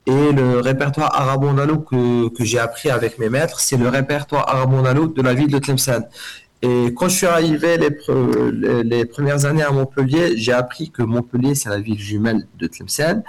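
Hesitant man from Algeria, interviewed. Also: medium pitch. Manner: hesitant, many fillers and restarts. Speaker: festival director, guest. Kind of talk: radio interview.

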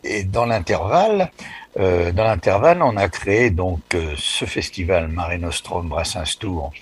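Very husky, deep-voiced man in his eighties. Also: animated. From Paris suburbs, France. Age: 80s. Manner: folksy, halting, wry. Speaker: association president, guest. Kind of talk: casual radio interview.

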